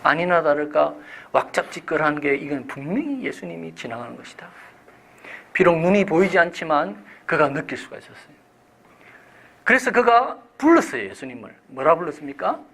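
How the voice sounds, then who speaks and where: A man's voice: fairly high pitch, very animated, moderate pace, gravelly, poor audio. Dynamic male pastor preaching a sermon. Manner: dynamic preaching, swings from hushed to loud emphasis; asks the congregation questions and answers them.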